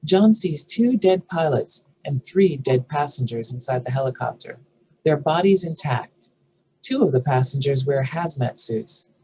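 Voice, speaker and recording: In poor audio with faint background noise and room ambience, a narrator reads a screenplay's scene headings and stage directions in scripted fashion. The mid-range voice is animated yet unhurried, darkish and slightly rough.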